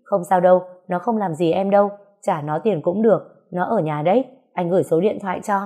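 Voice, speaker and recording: A woman's voice: fairly low pitch, a little fast, mellow, lightly acted. A woman reading a story aloud, voicing a casual, reassuring man.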